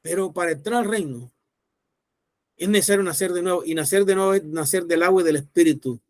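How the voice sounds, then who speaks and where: A man's voice: high-pitched, brisk, a little mellow, no room sound. A man preaching a sermon as pastor, telling a story and acting out the people in it. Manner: storytelling preacher, voicing people in his stories.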